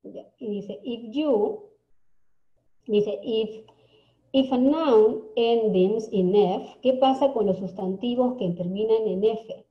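Woman teacher, patient classroom delivery, unhurried and careful, roomy muffled recording. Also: a little high. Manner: repeats words slowly, checks in with frequent "ok?". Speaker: English teacher. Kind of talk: classroom lesson. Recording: echoey, dull lo-fi recording.

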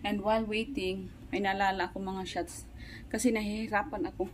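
A woman's voice: mid-range voice, flat delivery, moderate pace, a little hiss or hum. A young mother with a Visayan accent vlogging casually from her home kitchen, chatting to the camera and slipping into sing-song baby talk with her children.

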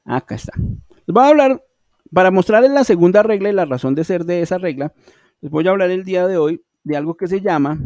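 A man's voice: sits high, darkish tone, no room sound, clean studio sound. A man teaching an online English class, explaining rules patiently and speaking directly to his students, with Spanish as his first language.

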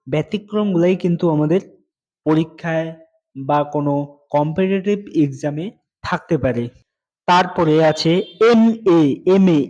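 A man's voice: sits high, a little mellow, lo-fi sound. A male English teacher explaining grammar to students, patiently repeating key words and asking them questions.

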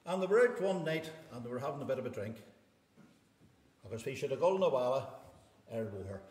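A man's voice: mid-range voice, animated, fast talker, a little mellow. A middle-aged man with an Irish accent telling a folk tale on stage in a lilting storyteller's manner, repeating phrases as he goes. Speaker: storyteller (seanchaí). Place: indoor theatre stage, seated. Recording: echoey hall with long reverb.

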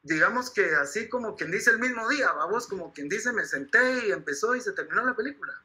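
A man's voice: high voice, animated, brisk, bright, forceful tone, rough recording. A man with a Guatemalan accent, ranting in crude slang as an interviewee, full of profanity and rambling asides. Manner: rambling, profane, keeps saying "vos". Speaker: interviewee, actor of the film. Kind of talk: crude comedic slang-heavy rant.

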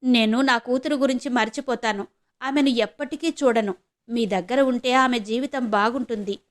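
A woman's voice: a little high, steady tone, moderate pace, lightly acted. A woman narrator voicing a remorseful birth mother who confesses in a storybook reading. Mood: pleading. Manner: confessing, regretful.

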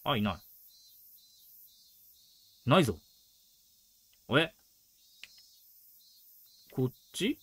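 A man's voice: mid-range voice, very animated, drawn-out words, pauses often, fairly bright tone. A man giving casual let's play commentary, muttering reactions and quips as he plays. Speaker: game streamer.

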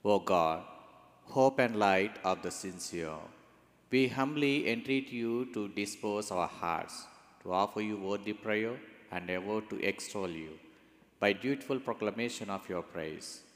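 Deep-voiced priest at a pulpit microphone. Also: male voice. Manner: measured, formal recitation. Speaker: priest celebrating Mass. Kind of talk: liturgical prayers and greetings. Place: large church. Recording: echoey church hall with long reverb.

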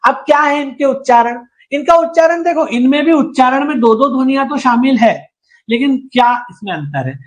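A man's voice: very high voice, animated, normal speed. A man teaching Hindi grammar in an exam-prep lecture, who asks and answers his own questions, repeats each point and sounds out syllables for students to copy.

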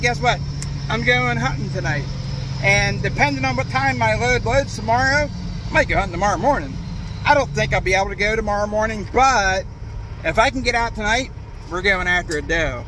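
A man's voice: extremely high pitch, background noise. A man in his thirties, a truck driver, chatting casually and rambling in an easygoing, plain-spoken way as he vlogs from a truck yard and his cab. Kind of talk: casual vlog chat. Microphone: phone held at arm's length outdoors, headset mic in the cab.

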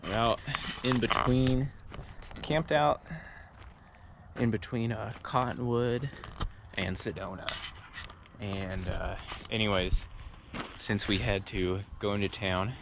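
A man with a low, gravelly voice narrates his camping trip in a loose, easygoing way, full of fillers and restarts. He is outdoors, caught on an action camera mic. Steady background noise sits under his voice. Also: slow pace, long pauses. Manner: relaxed, rambling, many "uh"s and restarts. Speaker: vlogger and trip host. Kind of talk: casual travel vlog narration. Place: outdoors at a desert campsite.

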